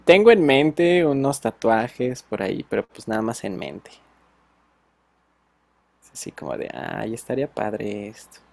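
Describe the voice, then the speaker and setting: A man's voice: mid-range voice, very animated, measured pace, creaky, long pauses, a little mellow, no room sound. A man with a Mexican accent, a teacher chatting casually with his students and telling slangy stories full of fillers.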